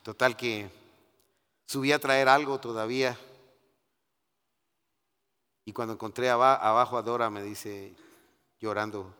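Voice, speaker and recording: A middle-aged man giving a sermon testimony. He goes from hushed, confiding talk to loud, emphatic preaching and keeps calling his listeners brother. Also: mid-range voice, fairly even intonation, measured pace, long pauses, smooth, big-room sound.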